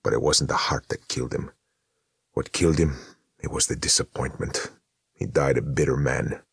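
A man's voice: rumbling low, steady tone, moderate pace, vocal fry, breathy edge, dry recording, clean studio sound, full character voice. A man voicing a blunt, needling brother who smokes, in an audiobook. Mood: bitter. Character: blunt, slouching middle-aged brother, chain smoker. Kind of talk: audiobook narration.

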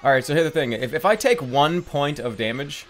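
Animated, high-voiced man doing game commentary. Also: a little fast. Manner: incredulous, exasperated, sweary. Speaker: gaming streamer. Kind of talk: comedic gameplay commentary.

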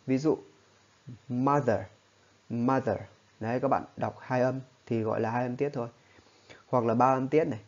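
A man gives a spoken lesson at a middle pitch. He explains patiently and keeps checking that his listeners follow along. The recording sounds a little dull and lo-fi. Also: a little mellow. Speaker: English teacher.

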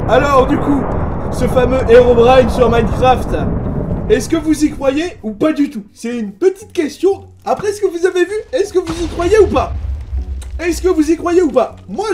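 Excitable high-voiced young-sounding gamer guy. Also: normal speed, music in the background. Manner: excitable, constant exclamations, mild swearing. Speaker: gaming YouTuber. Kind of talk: let's play commentary.

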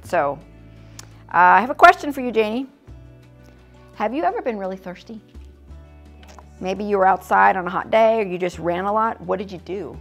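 Middle-aged American woman, children's ministry teacher; husky, informal, chatty classroom delivery, soft music behind. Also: medium pitch, expressive, moderate pace, long pauses. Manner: chatty, informal, laughs easily. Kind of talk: casual teaching demonstration. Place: church classroom, indoors. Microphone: fixed camera, mid distance.

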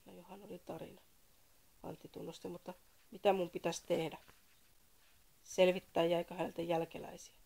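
Woman, storyteller, gravelly, low, dark mellow tone, dry reading. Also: flat delivery, long pauses. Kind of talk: read-aloud narration of a comic story.

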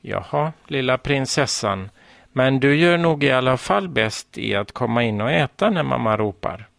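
Guy reading, stern storybook mom, higher and louder than his own gravelly voice, dry sound. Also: expressive, no echo. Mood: amused. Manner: scolding, coaxing, then amused. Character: stern but fond mother of a small girl.

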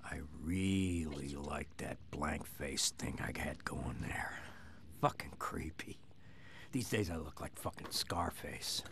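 An actor voicing a smug, foul-mouthed, gleefully sadistic killer doll with a raspy voice, giving gloating in-character commentary on a film. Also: male voice, mid-range voice, very animated, measured pace, background noise. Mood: sardonic, menacing. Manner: gloating, sardonic, profane.

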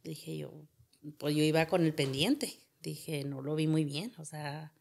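A woman's voice: low voice, steady tone, takes it slowly, vocal fry, darkish tone. A woman, a podcast guest telling a painful personal story and retelling what everyone said. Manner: retells events with much reported dialogue.

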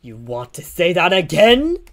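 A man's voice: sits high, wildly swooping pitch, unhurried, full character voice. Guy doing an outraged young hero. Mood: challenging. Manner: shouting, outraged. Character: angry young male hero facing a villain. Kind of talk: amateur voice acting on a livestream.

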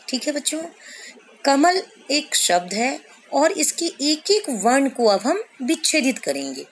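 A woman teacher explaining a lesson slowly to children, stretching out sounds and examples. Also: on the high side, slight background noise. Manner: slow, explanatory, addresses children, drawn-out syllables. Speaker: school teacher. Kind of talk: recorded classroom lesson.

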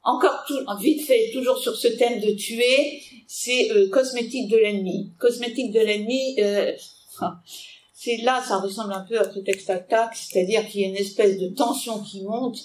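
A woman giving an animated book talk to an audience, with hesitations as she summarizes the plot. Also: fairly high pitch, normal speed. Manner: animated, digressive, with frequent hesitations. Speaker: literature lecturer. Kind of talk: book talk with read-aloud excerpts. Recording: echoey room, mic far off.

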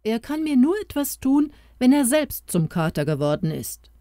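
A woman's voice: on the high side, big pitch swings, normal speed, dark tone, dry recording, studio quality, voice pushed up. A woman voicing an old king bewitched into a small crowned mouse, who comforts and urges the hero in a storybook tale. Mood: earnest, urging. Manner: comforting, urging.

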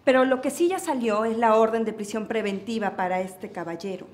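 A woman's voice: on the high side, brisk, darkish tone, natural voice. An actress playing a determined woman who speaks assertively and defiantly. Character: determined woman seeking her lost son. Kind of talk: telenovela acting. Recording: roomy with faint noise.

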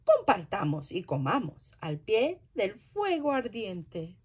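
A woman voicing a friendly, smiling badger in a storybook reading, speaking slowly and drawing out her words. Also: medium pitch, huge pitch swings, darkish tone, slight background noise. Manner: slow, drawn-out and cozy.

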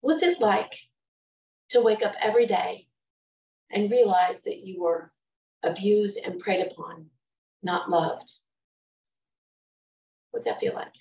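A woman's voice: medium pitch, unhurried, long pauses, warm tone. Impassioned woman speaking in an echoey hall. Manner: impassioned, with emphatic repetition and rhetorical questions. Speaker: public speaker and trainer. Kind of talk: prepared talk to an audience. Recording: roomy echo, mic from far off.

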